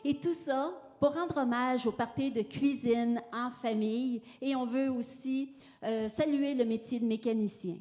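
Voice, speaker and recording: A middle-aged woman with a Quebec French accent, introducing songs on stage at a concert, warmly greeting the listeners. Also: on the high side, measured pace. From Gaspésie, Quebec. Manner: warm, grateful greetings to listeners. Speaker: band member introducing songs. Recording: long hall reverb over loud music. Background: loud country guitar music.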